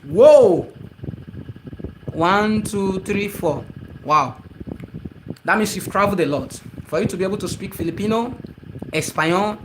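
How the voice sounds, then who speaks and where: Nigerian male streamer, Igbo native, high pitch, repetitive chat-reading delivery, noisy recording with traffic behind. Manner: repetitive, reads out and answers viewer comments. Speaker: live-stream host. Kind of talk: casual live-stream chat with viewers.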